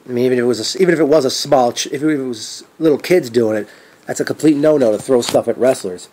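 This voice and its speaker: A man giving a casual spoken event recap as a fan, rambling and thinking aloud with trailing pauses. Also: mid-range voice, dark tone.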